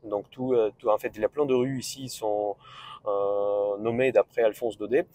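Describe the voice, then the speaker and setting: A man's voice: lowish voice, steady tone, moderate pace, dark tone, dry recording. French-speaking man with a Russian accent. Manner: rambling, many hesitations and restarts. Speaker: vlogger. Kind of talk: casual travel vlog talk. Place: on a road trip, in a car.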